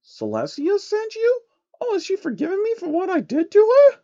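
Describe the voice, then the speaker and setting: A man voicing a gentle, lonely female alicorn princess in a soft falsetto for a fan story. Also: huge pitch swings, moderate pace, no echo, lo-fi sound, full character voice. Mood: hopeful.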